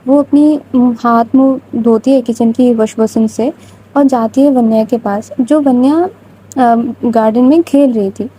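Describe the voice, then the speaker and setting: A woman's voice: fairly high pitch, dark tone, slightly rough, low-quality recording. A woman telling a love story in a casual, chatty, rambling way.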